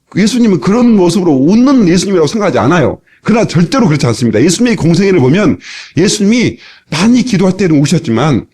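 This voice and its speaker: A middle-aged male pastor preaching a sermon from an old cassette tape, animated and playful, acting out lively quoted dialogue. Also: sits high, slightly rough.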